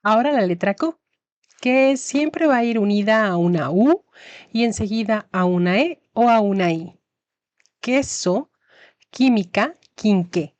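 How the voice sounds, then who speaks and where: A woman's voice: medium pitch, animated, darkish tone, no echo, muffled recording. A woman teaching Spanish in a scripted lesson narration, carefully pronouncing each example word. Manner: slow, careful enunciation of example words.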